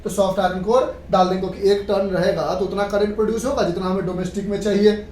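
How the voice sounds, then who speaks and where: This is a fast-talking woman with a medium pitch and a steady, warm tone, teaching a physics class. She instructs by repeating points, making sure students understand and dropping in English terms. The mic sits far off in an echoey room with background noise.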